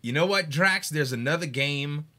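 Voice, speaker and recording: On his live game stream, a fairly high-voiced man speaks at a moderate pace, casual and excitable. He swears, laughs often, and hypes the games.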